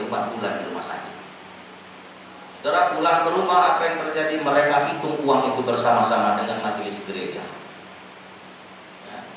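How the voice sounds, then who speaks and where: A middle-aged male pastor preaching a storytelling sermon, swinging from hushed asides to loud, rising emphasis. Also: medium pitch, a little hiss or hum. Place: church hall. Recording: echoey church hall from far off.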